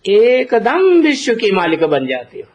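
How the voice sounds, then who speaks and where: A man giving a slow spiritual discourse as a teacher, deliberate and posing rhetorical questions to his listeners. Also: sits high, very animated, a little mellow. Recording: dull lo-fi recording.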